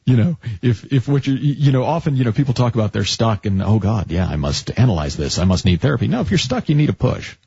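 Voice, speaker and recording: In a radio studio, a call-in advice host rattles along quickly with few pauses, his fairly low, dark voice sing-song, breathy and touched with vocal fry. He coaches in a chatty way, frequently breaking off and restarting. The sound is muffled, with no room echo.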